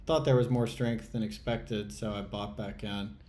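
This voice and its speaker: On the low side and darkish in tone, this man's voice keeps fairly even intonation at a normal speed. He's a trading channel host talking to himself during a trading game, sighing with exasperation, muttering and swearing at the chart in live commentary.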